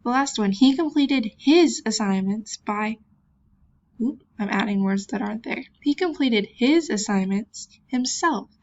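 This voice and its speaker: A woman teacher talks through an online lesson in an unhurried, drawn-out way, her fairly high voice edged with a gravelly fry. She sounds words out patiently and drops in chatty, self-deprecating asides. The computer mic recording is dull and lo-fi. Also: animated, a little mellow. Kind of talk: virtual classroom lesson.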